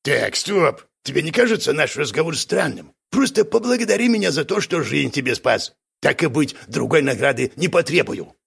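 A man voicing a scheming, boastful male crook in an audiobook, with a raspy voice and an unflappable, smug manner. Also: fairly high pitch, sing-song, moderate pace, hardly any pauses, fairly bright tone, voice pushed up, full character voice. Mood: indignant. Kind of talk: audiobook character voice.

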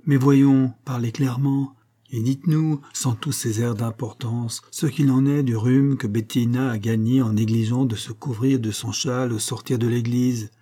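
A man voicing an aging male chapel master, excitable and theatrical, swinging between pleading and outrage. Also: medium pitch, normal speed, close to an everyday voice. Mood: impatient. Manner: anguished, pleading outbursts.

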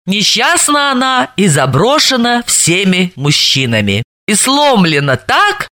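A woman narrating an audiobook in an expressive, lively way. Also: mid-range voice. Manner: lively, acts out dialogue.

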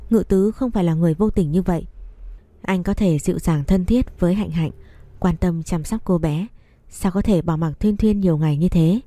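A woman narrating a story in a steady, even reading voice. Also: fairly low pitch, dry recording.

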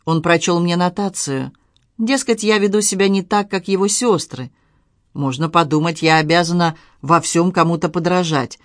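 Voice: medium pitch, moderate pace, no room sound, clean studio sound, natural voice. A reader voicing Eleanor, a tearful, impulsive young girl, in a plaintive, raised voice in a storybook reading. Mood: upset.

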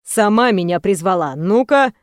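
A woman's voice: medium pitch, expressive, normal speed, clear, resonant tone, dry recording, clean studio sound, lightly acted. A woman voicing a playful, cocky young man in love, with a teasing, tender and brash manner, in an audiobook.

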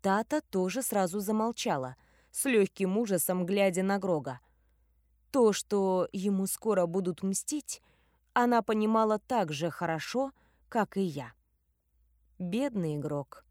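A woman's voice: medium pitch, measured pace, darkish tone, no room sound. Casting: wry female audiobook narrator, dry close sound. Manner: wry, ironic. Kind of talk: first-person audiobook narration.

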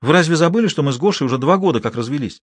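A man's voice: fairly high pitch, animated, very fast, breathy edge, no echo, voice pushed up. A man voicing a firm pregnant young woman. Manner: firm, refusing.

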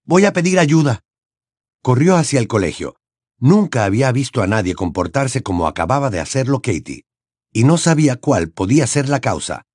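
A man reading a fantasy novel aloud as an expressive audiobook narrator. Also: medium pitch, fairly quick, breathy edge, no echo, studio quality. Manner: expressive storytelling with wide intonation. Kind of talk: scripted narration.

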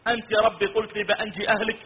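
A man's voice: sits high, level tone, rapid-fire, natural voice. A man preaching voices a grieving elderly prophet who pleads earnestly for his drowned son, heard through a tinny recording in a reverberant hall. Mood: pleading.

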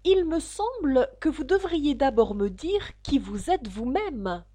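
A woman's voice: a little high, expressive, moderate pace, darkish tone, no echo, voice pushed up, lightly acted. Woman voicing a polite, flustered storybook girl. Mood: earnest. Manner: polite, earnest, a little flustered. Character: polite, confused young girl.

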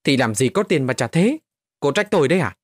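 A man voicing grieving village daughters in a storybook narration, his voice pushed high and shrill. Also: sing-song, a little fast, dry recording. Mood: quarrelsome. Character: daughters of the dead, bickering then wailing women.

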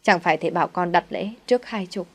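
A woman reader plays a poor old mother in a storybook tale. She begs humbly and tearfully. Her pleading voice sits a little higher and thinner than the narration. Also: fast talker. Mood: desperate.

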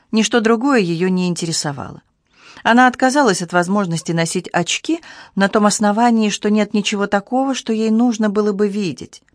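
A woman reading a mystery novel aloud as an audiobook narrator, in a measured, even storytelling manner. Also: mid-range voice, no echo, studio quality. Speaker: audiobook reader. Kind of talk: scripted narration.

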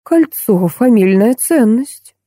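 A woman reading an audiobook voices a calm, composed female interior designer. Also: on the high side, no echo, studio quality, voice pushed up. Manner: calm, measured.

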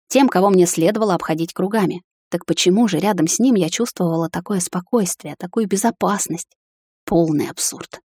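A woman narrating a first-person romance story in an intimate, even way. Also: lowish voice, no room sound. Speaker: audiobook narrator.

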